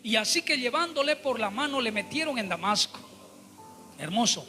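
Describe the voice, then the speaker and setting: A man's voice: very high-pitched, animated, moderate pace, bright, forceful tone, big-room sound, soft background music. A man preaching a Bible study sermon, emphatic and repetitive, often turning to address his listeners as brothers.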